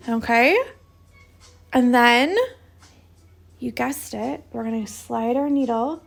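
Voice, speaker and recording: A woman's voice: fairly high pitch, gravelly. A woman teaching an embroidery stitch in a casual, chatty livestream, filling her sentences with "like". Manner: chatty, lots of "like" fillers.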